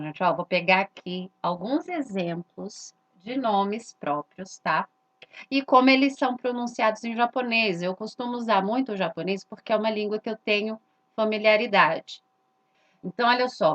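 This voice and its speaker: A woman's voice: medium pitch, pushed and bright, highs cut off. A woman, giving an explanatory lesson that points at letters and poses rhetorical questions she answers herself. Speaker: religious teacher.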